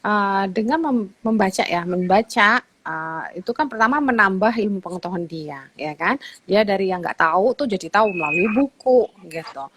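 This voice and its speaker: A woman's voice: medium pitch, lively intonation, normal speed, a bit bright, a little hiss or hum. A woman doctor, a guest on an online talk show, explaining patiently in a conversational way with frequent fillers.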